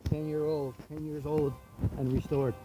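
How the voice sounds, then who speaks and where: A man's voice: on the high side, level tone, normal speed, loud music behind the voice, rough recording. A man giving casual vlog commentary outdoors, talking informally and directly to his viewers. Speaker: video host. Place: outdoors in a dark work yard at night.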